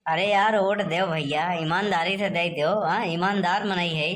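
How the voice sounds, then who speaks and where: A woman's voice: on the low side, steady tone, unhurried, a little hiss or hum, close to an everyday voice. A woman voicing a crafty male village headman in a cartoon, bossy and lecturing in an Awadhi accent. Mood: coaxing. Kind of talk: cartoon comedy voice acting.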